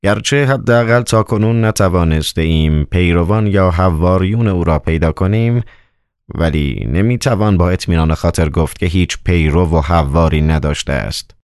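A stern, anxious Roman governor, read by a man in a hoarse, extremely deep voice. He questions in a measured, formal, commanding way, close and dry on the recording. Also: a little mellow, no room sound.

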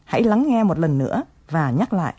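A woman's voice: lowish voice, sing-song, a little fast, dark tone, breathy edge. A woman presenting an English lesson, explaining phrases patiently and coaxing learners to repeat them.

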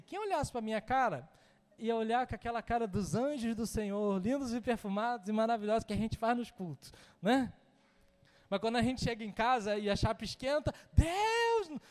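Brazilian preacher guy, real high voice, funny storytelling sermon, long reverb in the church. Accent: Brazilian Portuguese. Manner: storytelling, humorous, acts out dialogue. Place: church hall.

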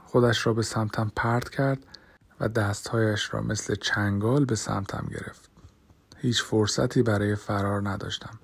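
A man narrating a first-person audiobook in a measured, dramatic way, sometimes dropping to a hush. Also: on the low side, steady tone, vocal fry, slightly rough.

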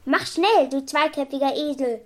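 A woman's voice: normal speed, lightly acted. A woman reading a children's story aloud, voicing a cruel, bad-tempered woman who shrieks and scolds. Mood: scolding. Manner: shrill, screaming for help.

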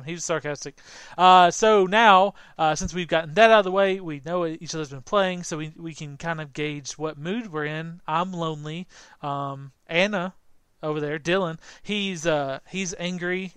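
A man's voice: fairly high pitch, a bit bright, clean tone, dry recording. A man hosting a gaming podcast in casual chat, rambling and jokey, often restarting his sentences. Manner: rambling, self-interrupting, jokey. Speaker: podcast host.

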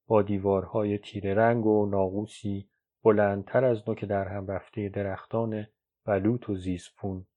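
Man, audiobook narrator, measured literary reading, lowish voice, dull lo-fi sound. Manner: measured, even storytelling read. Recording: dull lo-fi recording.

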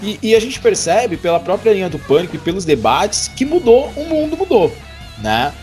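A man's voice: high voice, big pitch swings, moderate pace, a little mellow, faint music behind. A man in his twenties hosting a podcast, chatting casually and joking, with many restarts. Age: 20s. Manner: jokey, laughing, rambling with restarts. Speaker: podcast host.

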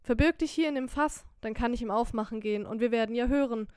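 A woman voicing a young, poor, quick-witted wife in an audiobook, scolding loudly and lamenting theatrically. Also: a little high, clean tone, dry recording, clean studio sound, close to an everyday voice. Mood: alarmed. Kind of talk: audiobook character voice.

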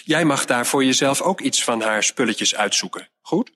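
A man reading a storybook aloud and voicing a fretful middle-aged mother who sighs and scolds as she clears out her late mother's room. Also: mid-range voice, lively intonation, normal speed, sharp tone. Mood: weary. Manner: exasperated, sighing, scolding.

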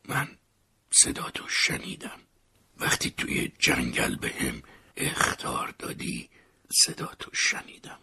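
A man voicing a weak, dying elderly father in an audiobook, speaking in a faint, hoarse, breathy whisper and short of breath. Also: a bass voice, bright, forceful tone, voice pushed down, full character voice. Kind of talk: audiobook character voice.

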